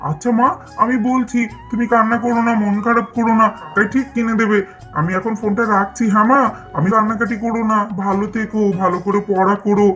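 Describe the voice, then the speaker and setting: A performer voicing a gentle father who soothes his little daughter over the phone in a cartoon. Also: medium pitch, little pitch movement, fast, muffled recording, soft background music, natural voice. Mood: soothing. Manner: soothing, coaxing.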